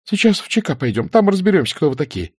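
A woman's voice: a bass voice, very animated, unhurried, warm tone, breathy edge, dry recording, clean studio sound, exaggerated voice. A male narrator voicing a fierce young female security officer who speaks sharply and gives commands. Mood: furious.

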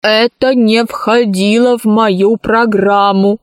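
A woman reading a children's story aloud, voicing a stubborn, literal-minded ship's service robot in a slow, measured way. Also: fairly high pitch, steady tone, no echo, studio quality.

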